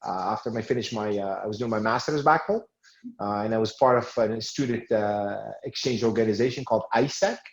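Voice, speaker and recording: A man's voice: fairly low pitch, brisk. A man in his forties, raised in Tunisia, answering interview questions about his career in finance, with many fillers and restarts. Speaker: guest, sales manager in finance. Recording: roomy, dull lo-fi sound.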